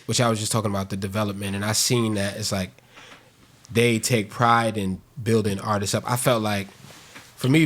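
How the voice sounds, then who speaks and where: A man, a rapper guest on a podcast, talking earnestly in loose slang. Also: lowish voice. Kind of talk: casual interview chat.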